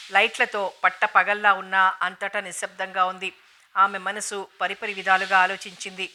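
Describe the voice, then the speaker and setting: A woman narrating a novel in a steady, even storytelling manner, in an audiobook reading. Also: mid-range voice.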